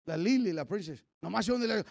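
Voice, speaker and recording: Fiery high-pitched pastor. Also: male voice, lively intonation, fairly quick, vocal fry, no echo, clean studio sound. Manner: fiery preaching that swings from shouts to quiet asides; calls on the congregation to repeat after him. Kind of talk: Sunday sermon.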